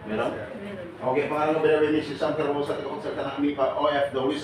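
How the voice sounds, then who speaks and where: A man leading a seminar for departing overseas workers, joking and firing quick questions at his audience. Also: fairly high pitch, little pitch movement. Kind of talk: lively seminar talk to an audience. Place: large hall with an audience. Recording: echoey hall, mic far off, noisy.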